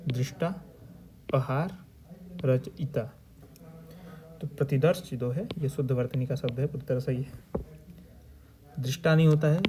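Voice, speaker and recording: A man's voice: medium pitch, background noise. A man teaching a Hindi exam lesson. He reads out each multiple-choice question and its options, then patiently explains which spelling or sentence is correct. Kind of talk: previous-year paper discussion lesson.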